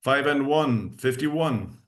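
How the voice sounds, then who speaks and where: Irish male bingo caller and host, medium pitch, measured delivery of numbers and announcements. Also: expressive. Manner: measured, repeats each number in digits then in full.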